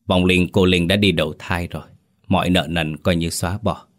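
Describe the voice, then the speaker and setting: Man reading as a steady older exorcist master, deep voice, measured counsel in a storybook. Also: natural voice. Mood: solemn. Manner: measured, instructive.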